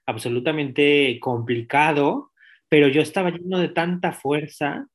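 A man's voice: fairly high pitch, fairly even intonation, measured pace. Candid young man. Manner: direct, candid, many restarts and fillers. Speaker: guest. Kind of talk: personal storytelling in an interview.

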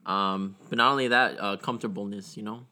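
A young man guesting on a podcast, loud and playful in casual chat. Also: on the low side, steady tone, fairly quick.

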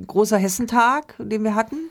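A woman telling lively anecdotes in casual chat, laughing often and acting out quotes. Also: on the high side, brisk.

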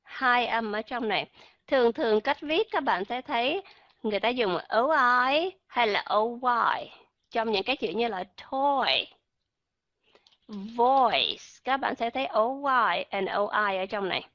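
A woman's voice: fairly high pitch, animated, a little slow, fairly bright tone, no echo, lo-fi sound. Woman teaching pronunciation. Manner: explains patiently, repeats and drags out example sounds. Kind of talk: online pronunciation lesson.

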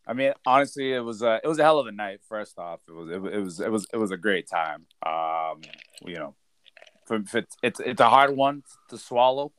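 A man's voice: lowish voice, animated, normal speed, fairly bright tone. A man co-hosting a casual sports podcast, talking in slang and often repeating his phrases. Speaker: podcast co-host.

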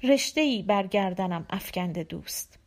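A woman voicing a brooding, proud middle-aged man, speaking low and heavy, in a storybook reading. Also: lively intonation, a little mellow. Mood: regretful.

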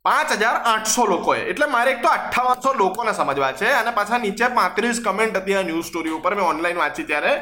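A man's voice: high voice, expressive, fast talker, few pauses, pushed and bright. A young man hosting a comedic mock news monologue, sarcastic, mixing in English words. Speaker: host. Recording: echoey room.

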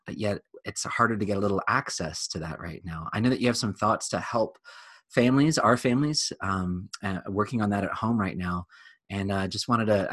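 A man's voice: lowish voice, a bit bright, husky, no room sound. A man, a pastor, hosting a casual podcast interview, talking with many fillers and restarts.

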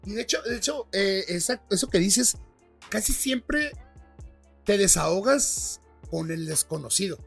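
A podcast host with a high, gravelly and husky voice chats in a relaxed, slang-filled way and praises his guest. Faint music sits in the background. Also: measured pace. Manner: slangy, admiring interviewer. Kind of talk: casual podcast chat.

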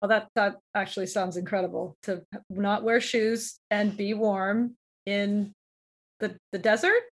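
A woman's voice: medium pitch, steady tone, unhurried. A woman hosting a podcast, talking in a casual, conversational interviewing style. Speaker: podcast host.

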